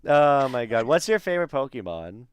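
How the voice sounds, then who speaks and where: A man's voice: mid-range voice, sing-song, normal speed, smooth. A young man hosting a casual talk show over a call, laid-back and chatty with lots of fillers. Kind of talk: casual chat.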